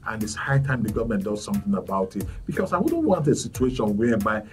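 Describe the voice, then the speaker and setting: A man, hosting a talk show with measured, formal phrasing. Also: on the low side, big pitch swings. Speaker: podcast host. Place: studio set. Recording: distant mic, faint music behind.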